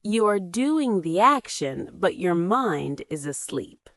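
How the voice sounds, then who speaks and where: A woman hosting a scripted English lesson, encouraging and spelling words out clearly for learners. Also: lowish voice, very animated, slow, a bit bright, no room sound. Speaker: English teacher host. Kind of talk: scripted teaching dialogue.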